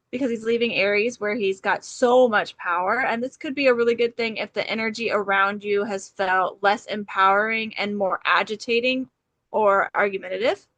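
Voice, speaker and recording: A woman's voice: mid-range voice, fairly bright tone, dry recording. A woman co-hosting an astrology podcast, talking in a bubbly, chatty way with many "like"s and "okay"s. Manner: bubbly, chatty, filler-heavy with frequent "like" and "okay". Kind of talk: casual chat.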